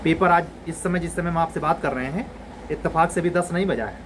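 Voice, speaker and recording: A man's voice: a little high, fairly quick, slight background noise, low-quality recording. A man in his forties, an exam coaching teacher, giving students a blunt, exasperated scolding lecture.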